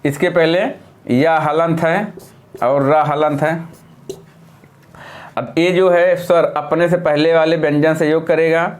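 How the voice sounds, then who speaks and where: A man's voice: on the high side, fairly even intonation, takes it slowly, pauses often. A male teacher explaining a grammar lesson patiently, step by step, while writing on a board.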